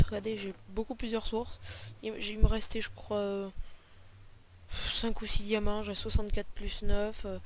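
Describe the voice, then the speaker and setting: A woman at a mid-range pitch, chatting her way through a let's play. She rambles easily from one point to the next, stopping for fillers and correcting herself as she goes. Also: a little hiss or hum. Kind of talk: casual gameplay commentary.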